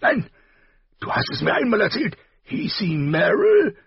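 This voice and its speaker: Guy putting on a big loud jolly king, way high and bellowing, boastful and bawdy, lo-fi audiobook sound. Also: wildly swooping pitch, measured pace, gravelly, husky, no echo, heavily acted. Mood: teasing. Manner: loud, hearty, laughing, boastful. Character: boisterous bawdy middle-aged male king.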